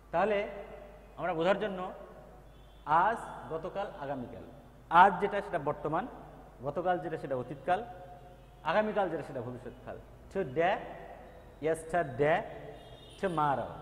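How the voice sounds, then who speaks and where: A man's voice: fairly high pitch, expressive, unhurried, pauses often. A man teaching a recorded grammar lesson, patiently repeating terms and drilling their pronunciation. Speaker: English teacher. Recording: echoey reverberant room.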